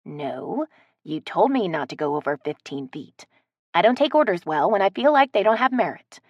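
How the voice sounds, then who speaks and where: A woman's voice: on the low side, very animated, normal speed, dry recording, dull audio. A woman voicing a stubborn, strong-willed woman who teases and refuses to back down. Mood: defiant. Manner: teasing, defiant.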